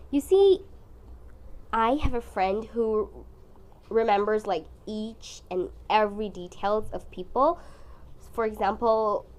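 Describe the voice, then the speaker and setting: A young woman with a congested, strained voice from the flu, chatting casually and expressively as she narrates her painting. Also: medium pitch. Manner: expressive, dramatic, self-deprecating. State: sick with flu. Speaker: art vlogger.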